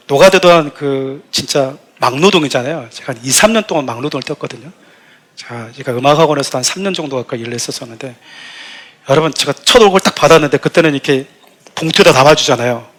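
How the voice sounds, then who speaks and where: A middle-aged man, the senior pastor of the church, preaching a sermon full of funny stories and acting out quotes with raised voice. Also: a little high. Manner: animated storytelling, acts out shouted quotes. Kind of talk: sermon with humorous anecdotes.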